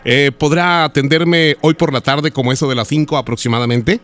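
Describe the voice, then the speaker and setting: A man's voice: fairly high pitch, fairly even intonation, brisk, fairly bright tone. A Mexican radio host making a prank phone call, teasing and flirty, drawing out his words.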